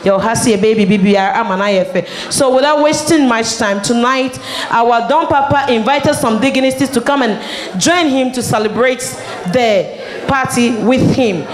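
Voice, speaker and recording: A woman with a Ghanaian accent, whose native language is Twi, works as the master of ceremonies at a party, mixing Twi and English. Her slightly high voice moves at a moderate pace, exclamatory and emphatic, and she repeats phrases. She is amplified to the guests through an echoey PA at a crowded venue.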